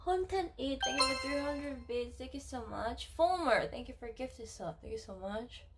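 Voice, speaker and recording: A woman's voice: sits high, expressive, normal speed, over loud music. A woman chatting casually on a livestream in a playful, girlish way, thanking her subscribers. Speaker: live streamer.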